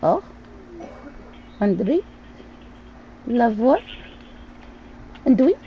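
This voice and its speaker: A woman's voice: a little high, very animated, extremely slow, dull audio, slight background noise. A young woman streaming a video game, chatting casually, giggling often and breaking into sing-song bits. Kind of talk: casual gaming chat.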